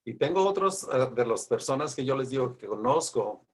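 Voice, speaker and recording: A man's voice: medium pitch, expressive, normal speed, slightly rough. A man leading a casual Sabbath school lesson discussion, telling a story in a rambling way that keeps repeating "he says". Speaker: Bible study teacher.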